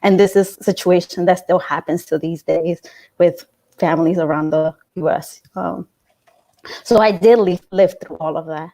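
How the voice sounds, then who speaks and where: A woman in her late twenties from New York City, talking in a casual interview about her school days, thoughtful, with frequent fillers and soft laughs. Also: lowish voice, steady tone, moderate pace. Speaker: interview guest, alumna.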